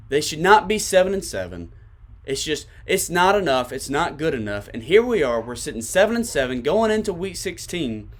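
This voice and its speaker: A man with a Tennessee accent hosting a sports podcast, giving emphatic commentary to his listeners and repeating his points for stress. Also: on the high side.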